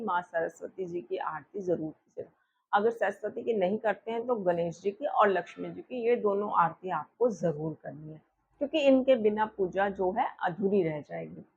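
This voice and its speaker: A woman's voice: medium pitch, slightly rough. A woman astrologer with a sore throat explaining a festival worship ritual step by step, asking and answering her own questions with frequent fillers. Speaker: astrologer explaining Diwali puja. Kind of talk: instructional talk to viewers. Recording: dull, lo-fi recording.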